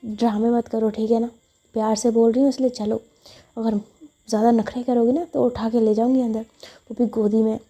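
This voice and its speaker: A woman's voice: fairly high pitch, little pitch movement, normal speed, mellow, faint music behind. A woman voicing a bold, lovestruck young woman who coaxes and boasts. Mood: eager.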